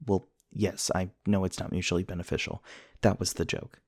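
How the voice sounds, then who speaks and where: In an intimate ASMR roleplay, a man plays an earnest male scientist, speaking in a low, slightly mellow voice. His sentences are polite, precise and wordy, with a hint of social awkwardness, all in a one-sided acted conversation. The recording is dry, without any room echo.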